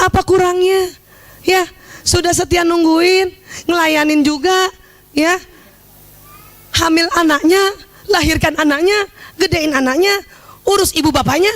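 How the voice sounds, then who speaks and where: High-voiced woman giving a religious talk. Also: fairly even intonation, unhurried, pauses often. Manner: humorous, acts out little dialogues; addresses audience directly as 'Bu'. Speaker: Islamic family speaker. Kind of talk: religious lecture to women.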